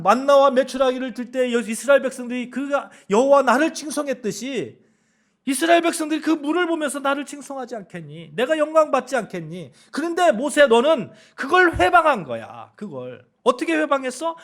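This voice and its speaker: A man's voice: very high voice, pitched above the performer's own voice. A man voicing God as a stern, disappointed figure who rebukes Moses with pointed questions. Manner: reproachful questioning.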